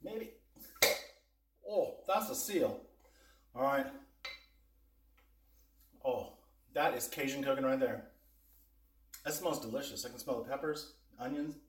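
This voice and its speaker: In a kitchen, a man hosts a casual cooking vlog with a taste test and cooking demonstration, chatting with viewers in a folksy manner. His mid-range voice is expressive and slow, with frequent pauses. The recording has a roomy echo from a distant mic.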